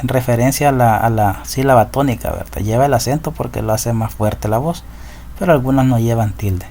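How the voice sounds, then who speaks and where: A man's voice: medium pitch, a little fast, vocal fry, mellow, a little hiss or hum. A man teaching a recorded lesson, patiently explaining rules and often checking in with his students. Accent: Central American Spanish. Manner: patient, repeats rules and asks ¿verdad?.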